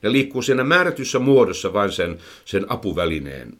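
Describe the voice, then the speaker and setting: Lowish-voiced man explaining horse training. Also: big pitch swings, a bit bright. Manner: explains at length, many "tota" fillers and repeated words. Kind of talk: casual explanatory chat. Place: indoors, recorded for a microphone.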